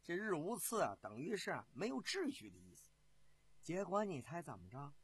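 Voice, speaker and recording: Man, traditional storyteller, animated, lively pitch, husky. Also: moderate pace. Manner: animated, chatty asides to listeners. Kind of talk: traditional Chinese storytelling performance.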